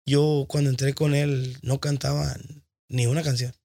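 A man with a Mexican accent, a band singer, telling stories in a relaxed, rambling chat full of slang. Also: mid-range voice, normal speed, gravelly. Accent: Mexican Spanish. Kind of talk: casual chat.

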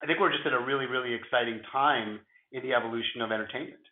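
A man with a gravelly voice, hoarse from flu, explaining things conversationally as an interview guest in measured phrases. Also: medium pitch, roomy sound, phone-quality sound. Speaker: interview guest, futurist at a film studio.

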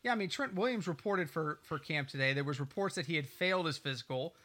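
Chatty podcast guy, kinda high bright voice, jokes around a lot, desk mic. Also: expressive, quick pace. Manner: chatty, joking, rambling storyteller. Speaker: podcast co-host. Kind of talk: casual chat. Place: small home studio. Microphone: desk mic, sometimes off mic.

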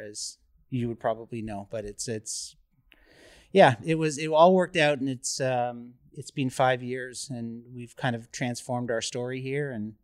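A man's voice: mid-range voice, no room sound, clean studio sound. An easygoing middle-aged man from Canada giving a casual interview through a face mask. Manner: affable, easygoing. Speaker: museum creative director, interview guest. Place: in a museum.

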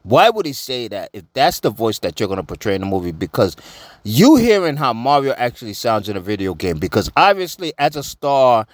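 A man giving casual opinion commentary, slangy, animated and repeating himself. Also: medium pitch, brisk, no room sound. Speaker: vlogger.

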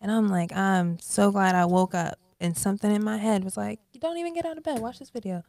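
A woman in her twenties, a guest artist chatting on a podcast, talking in an animated way and sometimes dropping into a whisper. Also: medium pitch, a little fast, gravelly, no echo, clean studio sound. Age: 20s. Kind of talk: casual podcast conversation.

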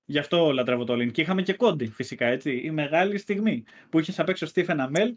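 A man co-hosting a casual wrestling podcast, rambling with lots of fillers as he gathers his thoughts. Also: a little high. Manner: rambling, many fillers and restarts. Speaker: podcast co-host.

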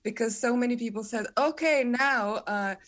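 A woman's voice: a little high, normal speed, a bit bright. Croatian woman cookbook author interviewed. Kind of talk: interview conversation.

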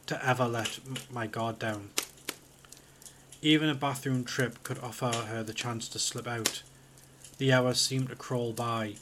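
Male horror narrator, flat steady delivery, faint hiss behind. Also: medium pitch. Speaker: podcast host reading a horror story.

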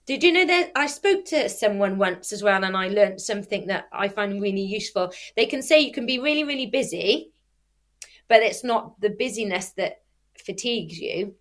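An expressive woman with a mid-range, slightly bright voice talks at a moderate pace in a casual interview about her life as an athlete and youth sports coach. She substitutes w for r, unable to pronounce R well, and uses examples and self-corrections to explain things.

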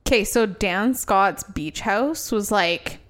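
A woman's voice: medium pitch, takes it slowly, heavy background noise. Giggly, teasing woman. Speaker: podcast co-host. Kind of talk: casual podcast chat.

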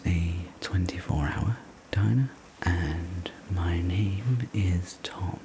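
A man telling a sleep story as a whispered role-play, gentle, soothing and unhurried, speaking as a server looking after a guest. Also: low-pitched, vocal fry, a little hiss or hum, poor audio. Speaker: sleep story narrator playing a night-shift diner server.

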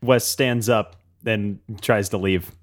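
Wry low-voiced man playing a tabletop game. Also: steady tone, takes it slowly. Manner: wry, plays his character in third person. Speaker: player.

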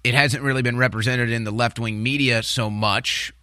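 Bright-voiced American man, conspiratorial political rant. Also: mid-range voice, steady tone, normal speed, clean tone, no echo, studio quality. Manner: agitated, conspiratorial, distrustful. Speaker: talk show host. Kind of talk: opinionated political commentary rant. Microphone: close studio microphone. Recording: music bed behind the voice.

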